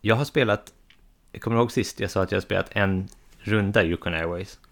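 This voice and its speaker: A man's voice: on the low side, vocal fry, fairly bright tone. A man in his thirties, a podcast co-host chatting casually about board games, hesitant with many fillers and restarts. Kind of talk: casual chat.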